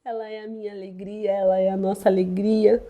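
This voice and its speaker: Over music, a young mother with a Brazilian Portuguese accent earnestly gives a faith testimony about her baby's healing, often repeating her phrases. Her mid-range voice is flat in delivery and fairly quick.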